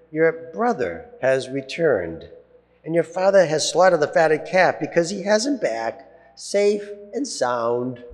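At Mass in a large church, a priest reads the Gospel in a measured way, his phrases falling low and slow at the ends. A long cathedral reverb carries his voice throughout.

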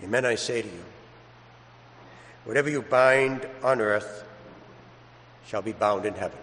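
A priest with a lowish, slightly bright voice reads the Gospel and then preaches a homily at a measured pace, with a little hiss or hum present. He keeps it conversational, using everyday examples and acted-out asides, while long hall reverb makes his voice ring through a large, echoey church.

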